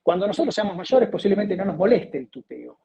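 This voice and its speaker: A man with an Argentine Spanish accent, a doctor who specializes in aging, answering interview questions in an emphatic, expressive storytelling manner. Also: high-pitched, a little fast, vocal fry, muffled recording, crowd noise.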